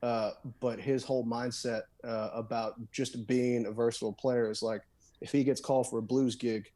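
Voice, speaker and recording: A man's voice: mid-range voice, flat delivery, moderate pace, dark tone. A man guesting on a podcast, talking in a loose, rambling way with lots of fillers, restarts and "dude". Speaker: guest guitarist and songwriter. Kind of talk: casual podcast conversation.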